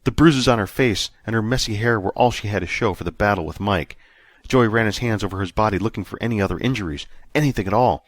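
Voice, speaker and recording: A man narrating a sci-fi audiobook in a steady, measured storytelling manner. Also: lowish voice, no room sound. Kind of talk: scripted narration.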